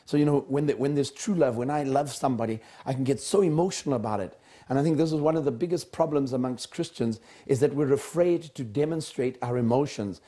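A man's voice: mid-range voice, fairly quick, dark tone. A man from Africa speaking earnestly about worship, often stumbling and restarting his sentences. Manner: earnest, with frequent stammered restarts. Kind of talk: impassioned spoken testimony.

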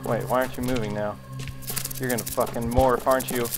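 A man's voice: mid-range voice, flat delivery, fairly quick, poor audio. A young man giving live commentary on a horror game, jumpy and profane, laughing and talking back to what happens on screen. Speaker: streamer. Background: game music.

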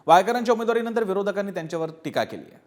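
A man reading scripted news narration in a brisk, formal manner. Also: high-pitched, sing-song. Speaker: news anchor.

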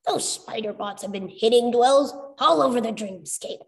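A woman's voice: fairly high pitch, normal speed, natural voice. A woman voicing a hot-headed, fuzzy male rabbit sidekick who talks in brash, grumbling slang. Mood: disgusted.

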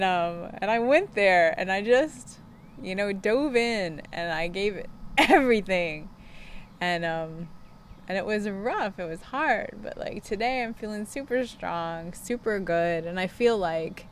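Low-pitched woman, candid self-help influencer, noisy outdoors. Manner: self-help influencer talk, candid and personal, frequent laughing asides. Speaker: self-help vlogger who gives coaching sessions. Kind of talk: casual confessional self-help video chat. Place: outdoors on a wooden deck. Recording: clear outdoor background noise.

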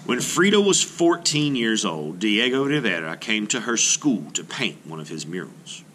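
Reading a children's nonfiction book to young pupils as an art teacher might, a middle-aged man uses a fairly low, bright voice with very animated rising and falling intonation. Each sentence comes out measured and expressive. The recording is rough, with light background noise beneath it.

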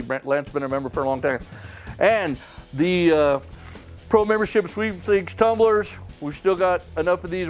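A middle-aged man hosting a membership sweepstakes drawing, talking in a folksy, upbeat way as he reads out winners and their towns in a wood-paneled room. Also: on the high side. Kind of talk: casual announcing to camera.

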